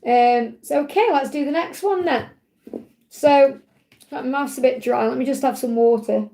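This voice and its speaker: A middle-aged woman with a slightly croaky voice, giving a live tarot love reading in a reassuring, repetitive way. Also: sits high, moderate pace, warm tone. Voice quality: slightly croaky when hot. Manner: reassuring, repeats points in parallel phrases. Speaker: tarot reader, live show host.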